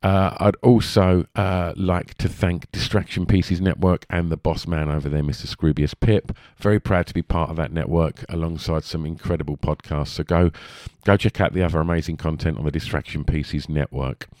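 Male podcast host, low register, Essex twang, lispy, chatty and rambling, close dry recording. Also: fairly even intonation, moderate pace, few pauses, darkish tone, no echo. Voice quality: lisp. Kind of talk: casual podcast introduction.

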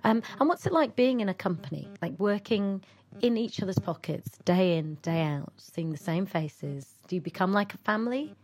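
A woman's voice: medium pitch, expressive, moderate pace, darkish tone. A woman from Bradford with a West Yorkshire accent, interviewing someone in a conversational way. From Bradford, northern England.

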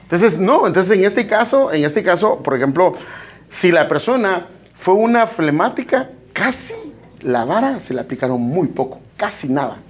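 A male pastor preaching a sermon in an animated, joking way, often calling listeners "hermano". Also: sits high, normal speed.

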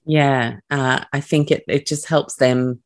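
A woman's voice: rumbling low, fairly even intonation, takes it slowly. A woman hosting a conversational interview, sharing a personal story in a candid, reflective way. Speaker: podcast host.

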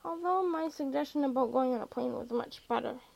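A gentle young woman speaks softly and tenderly, voiced by a woman reading. Her voice is hushed and a little high, with a gravelly texture. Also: brisk, full character voice, rough recording. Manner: soft, hushed.

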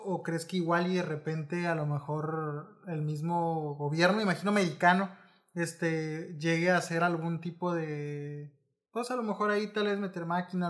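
Hesitant high-voiced podcast host. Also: male voice. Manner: hesitant, halting questions. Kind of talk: casual interview chat.

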